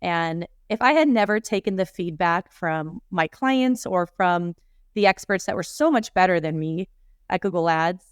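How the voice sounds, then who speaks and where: A woman's voice: lowish voice, lively intonation, moderate pace, smooth, no room sound, clean studio sound. A woman leadership coach in her thirties, telling candid, reflective stories in a podcast interview.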